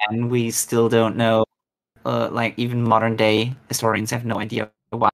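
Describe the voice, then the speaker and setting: A man chatting casually over an online call while his connection drops in and out, so his voice breaks up and sounds distant from the mic. He speaks haltingly and leaves sentences unfinished. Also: medium pitch, completely flat delivery, gravelly. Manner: halting, trails off mid-sentence. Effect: bad connection, audio cutting out. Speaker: manga discussion co-host.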